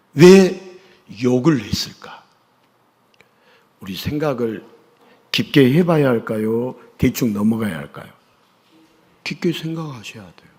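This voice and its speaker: A male pastor preaching a sermon in a church, firing questions at his congregation and pressing them to answer, swinging between loud emphasis and hushed asides. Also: medium pitch. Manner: call-and-response questioning of the congregation. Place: church sanctuary. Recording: long church reverb.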